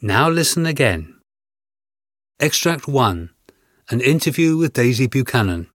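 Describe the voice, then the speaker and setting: A man's voice: mid-range voice, dry recording. Man reading interview questions, dry sound. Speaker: interviewer and exam narrator. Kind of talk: scripted reading.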